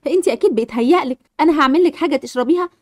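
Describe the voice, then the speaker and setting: A woman voicing a gentle, caring mother who soothes and reassures her daughter. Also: high-pitched, racing, dry recording, studio quality, voice pushed down, lightly acted. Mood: soothing.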